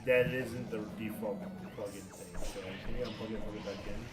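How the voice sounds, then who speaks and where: A man's voice: lowish voice, steady tone, fairly quick, loud music behind the voice. A man hosting a livestream, chatting casually while checking his setup, his voice coming through a tinny, distant mono mic. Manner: unsure, checking aloud how he sounds. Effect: tinny, distant mono mic sound. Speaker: livestream host. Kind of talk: casual setup chat before a stream. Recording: tinny mic with background noise.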